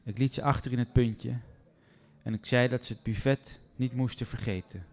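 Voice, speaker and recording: A man reading a first-person story aloud in a calm, measured way. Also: medium pitch.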